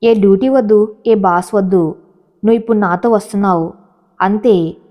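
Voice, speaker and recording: A woman's voice: mid-range voice, normal speed, mellow, close to an everyday voice. A woman voicing a young male tycoon who is passionate and protective, speaking in urgent, emotional bursts. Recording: long hall reverb.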